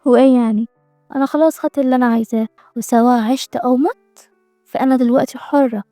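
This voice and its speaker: A woman's voice: a little high, steady tone, fast talker, dark tone, no echo, faint music behind, close to an everyday voice. A woman voicing a bold, defiant young heroine with an Egyptian Arabic accent, speaking mockingly.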